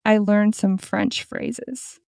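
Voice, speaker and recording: A woman in her twenties voicing a young female dreamer who tells her own story, speaking slowly and clearly and saying each sentence twice. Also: medium pitch, steady tone, darkish tone, no room sound, clean studio sound. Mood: calm. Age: 20s. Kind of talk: scripted story for repeat-after practice.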